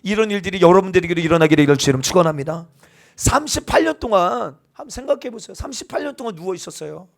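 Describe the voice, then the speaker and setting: A male pastor preaching a sermon, often asking the congregation for responses and building to loud, emphatic proclamation. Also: high-pitched, animated, very fast, vocal fry.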